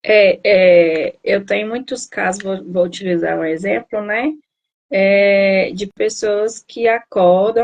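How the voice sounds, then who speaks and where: A woman with a Brazilian Portuguese accent speaks as a nutritionist guest on a live video call. She explains things patiently at a medium pitch, with frequent tag questions and small restarts. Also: gravelly, darkish tone, highs cut off. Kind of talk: casual live interview.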